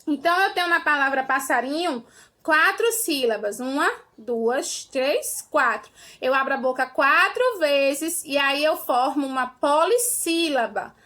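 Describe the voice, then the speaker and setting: Brazilian woman teacher for young kids, high bright voice, patient, step by step. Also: animated, measured pace. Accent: Brazilian Portuguese. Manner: patient, explains step by step, ends phrases with "tá?". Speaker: primary school teacher. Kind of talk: remote lesson for children.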